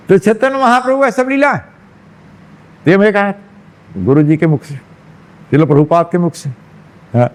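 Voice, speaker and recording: Man, monk preacher, high voice, lively devotional storytelling, asides to listeners, temple hall. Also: unhurried, pauses often. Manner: lively narration with frequent prompting asides to listeners.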